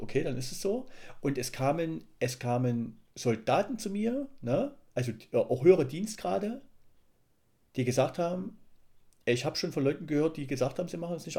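Gravelly, mellow man reflecting. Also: mid-range voice. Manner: reflective, hesitant, many restarts and "ne?". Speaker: podcast co-host. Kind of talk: casual chat.

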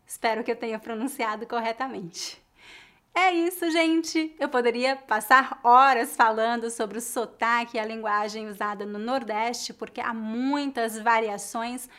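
A woman from Brazil hosts an online language lesson, her voice sitting a little high. She speaks clearly and deliberately, shaping each word with care for her learners. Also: sharp tone. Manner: clear, carefully articulated teaching delivery. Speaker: language teacher.

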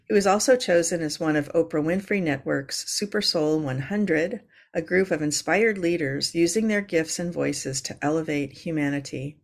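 A woman speaking as a host, introducing an interview in a measured, articulate delivery. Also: sits low. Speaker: podcast host.

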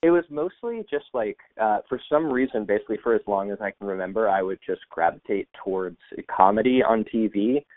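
A man's voice: on the low side, a little fast, few pauses. A man from the United States, a podcast guest, chatting casually with many fillers and restarts over a remote call. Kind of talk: casual interview chat. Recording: tinny phone-like line.

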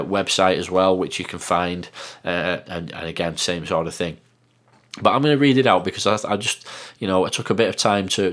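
Deep-voiced northern English man. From northern England. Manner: rambling, many fillers and restarts. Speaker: podcast host. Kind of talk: casual monologue.

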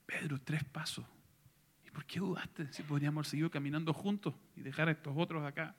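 A preacher acting out a gentle teacher who calmly challenges a follower in a hushed, near-whispered voice. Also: male voice, a little high, brisk, slight background noise, natural voice.

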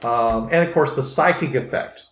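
A male game master narrates and explains a tabletop game. His phrasing is halting, with words repeated as he thinks. He is in an echoey room with clear noise. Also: medium pitch. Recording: roomy echo, clear background noise.

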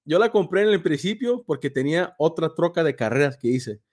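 A higher-voiced man with a Chicano accent talks casually in slangy, profane Spanish sprinkled with English. His delivery swings up and down like someone telling stories to a friend. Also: lively intonation, brisk, darkish tone. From Mexican-American, California.

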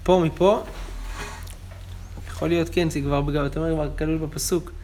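A man's voice: a little high, steady tone, slight background noise. Man teaching a Talmud page. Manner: explains texts, chanting quotations louder. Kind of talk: daily Talmud class.

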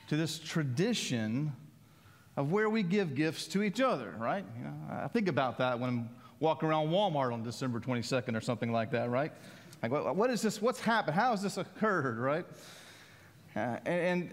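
A male pastor delivers a sermon in an easy, conversational way, often checking in with the room. His voice sits slightly high for a man. The sound carries the long reverb of a church sanctuary. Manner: conversational, frequent asides and "right?". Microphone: worship mic.

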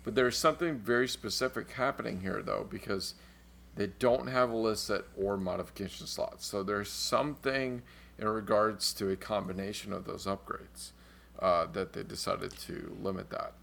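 Gravelly-voiced American man rambling on a podcast. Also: on the low side, moderate pace, fairly bright tone. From United States. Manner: rambling, restarts often, swears casually. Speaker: podcast co-host. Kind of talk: casual podcast chat about a tabletop game.

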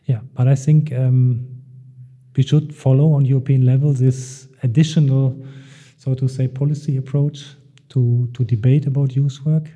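A man, a non-native English speaker, answering interview questions in a hesitant, halting way, searching for words as he explains his work. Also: medium pitch, flat delivery, dark tone. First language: not English. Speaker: interview guest working in European youth work.

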